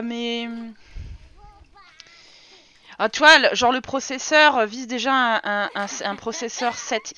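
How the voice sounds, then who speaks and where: A young woman with a French accent, live-streaming a life-sim game and chatting casually with her viewers, teasing the game characters as she plays. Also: fairly high pitch.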